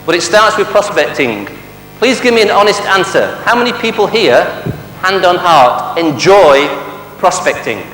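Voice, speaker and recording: High-pitched and sing-song, a little bright and at normal speed, a man from Manchester, England, uses his Mancunian accent to run a motivational seminar as a sales trainer. He teases the live audience in the large hall with jokes and rhetorical questions; the echoey recording has long reverb and faint hum.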